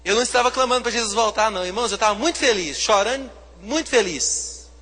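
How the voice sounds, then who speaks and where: A man with a Brazilian Portuguese accent, a pastor preaching a sermon, swinging from hushed to loud, fervent delivery. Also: high voice, animated, fast, in a large hall.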